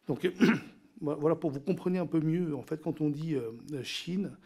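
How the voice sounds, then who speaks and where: At a parliamentary hearing, a middle-aged Cambodian man gives formal testimony into a desk microphone, the large committee room around him. Teochew, a Chinese dialect, is his first language. His dark-toned voice is fairly high pitched and a little slow, and he hesitates often, filling pauses and repeating words.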